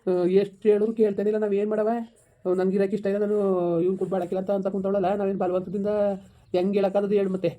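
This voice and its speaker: A man's voice: high-pitched, monotone, racing, warm tone, natural voice. A man playing a stern but caring village elder who lectures. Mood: soothing. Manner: scolding, lecturing, then soothing. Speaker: elder villager in a comedy skit.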